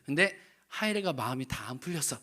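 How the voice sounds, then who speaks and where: A middle-aged man preaching in a church, his voice pitched a little high and sounding bright and forceful. He tells his story with animated energy, slipping into the voices of the people in it. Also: quick pace. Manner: animated storytelling, voicing family members' quotes. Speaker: pastor. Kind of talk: sermon with personal story. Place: church sanctuary.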